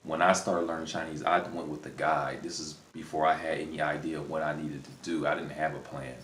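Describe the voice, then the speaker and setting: A man's voice: a bass voice, flat delivery, brisk, a bit bright. A man hosting a language-learning video, giving casual unscripted advice in a rambling way, often repeating and rephrasing himself. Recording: roomy echo, faint background noise.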